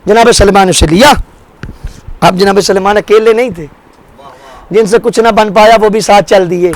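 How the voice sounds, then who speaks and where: A man preaching a religious sermon at a mourning gathering, impassioned, swearing oaths and piling up rhetorical questions, swinging between loud rises and hushed drops. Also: high voice, rough recording. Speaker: majlis preacher.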